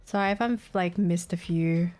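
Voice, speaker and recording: A woman game streamer from Australia, Vietnamese by first language, chats casually while gaming, with faint music behind her. Tired and giggly, she scatters between thoughts and reads chat aloud in a fairly low, darkish voice at normal speed.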